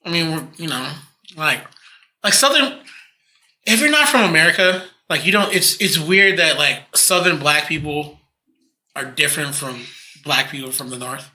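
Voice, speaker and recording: A man's voice: on the high side, lively intonation, moderate pace, pushed and bright. A man co-hosting a casual comedy podcast, blunt and swearing freely, laughing a lot. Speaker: podcast co-host.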